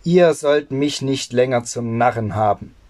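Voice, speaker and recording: A reader voicing an old, short-tempered tailor in a fairy tale read aloud, scolding his sons loudly. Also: medium pitch, unhurried, lightly acted. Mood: furious. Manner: scolding outbursts.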